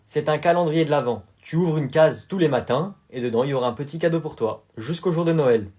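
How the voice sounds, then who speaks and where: Calm, fatherly man in a sketch. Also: a little high, brisk, slightly rough. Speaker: comedy sketch actor. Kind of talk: comedy sketch acting.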